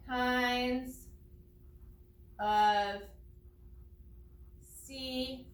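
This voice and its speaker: In a children's read-aloud lesson with think-aloud commentary, a woman teacher with a high voice and fairly even intonation carefully walks young pupils through each step. The sound is distant from the microphone with a roomy echo.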